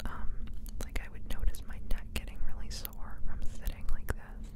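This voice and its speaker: A woman whispering softly and close into a binaural mic, moving from ear to ear in a rambling, hesitant, self-deprecating ASMR chat. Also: moderate pace. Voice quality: soft unvoiced whisper. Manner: whispers close, shifting from one ear to the other. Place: indoors on a couch. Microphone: close binaural microphone.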